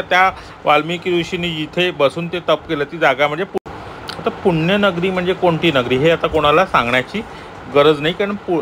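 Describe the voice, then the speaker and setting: A man's voice: on the high side, fairly bright tone, a little hiss or hum. A man giving a devotional commentary on a sacred text, reading passages and then rephrasing them in his own words. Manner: explanatory, repeats and rephrases passages he reads.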